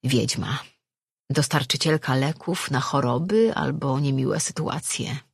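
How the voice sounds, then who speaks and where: A narrator reads a fantasy novel aloud in a steady, measured way. The voice is slightly husky and sits close and dry, with no room sound. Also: mid-range voice, dry recording. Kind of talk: audiobook reading.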